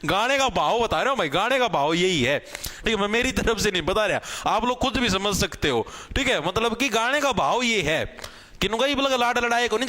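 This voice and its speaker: A man's voice: high-pitched, sharp tone. A man with a Haryanvi accent teaching a general knowledge exam class, repeating points and often asking whether the students have understood. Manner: repetitive, addresses students as bhai, checks with "theek hai"; shows cloth samples while explaining.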